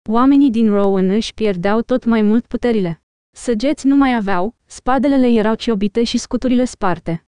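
Brief: woman narrator, slightly higher voice, mellow, steady storytelling. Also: clear, resonant tone, no room sound. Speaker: audiobook reader. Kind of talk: scripted narration.

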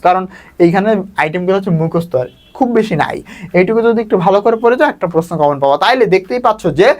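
Fast-talking high-voiced male tutor. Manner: brisk coaching tone, addresses students as brother. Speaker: admission test tutor. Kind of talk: exam prep lesson.

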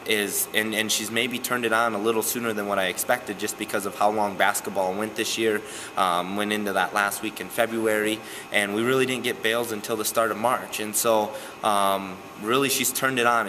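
The speaker is a young man coaching softball, answering postgame interview questions inside a gym. Low-voiced, earnest, and steady, he fills gaps with frequent "um"s, and clear hiss runs under the audio.

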